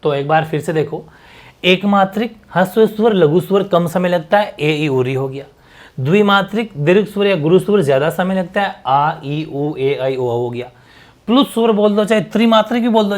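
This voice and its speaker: A man teaching an exam-prep lesson, drawing out sounds slowly to show them and repeating each term several times. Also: high-pitched. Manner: stretches sounds slowly to demonstrate, repeats terms.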